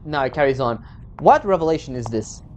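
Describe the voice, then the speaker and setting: A streamer of unclear gender commenting casually on a story game and reading its narration aloud, sometimes haltingly. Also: medium pitch, animated, slight background noise. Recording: game music underneath.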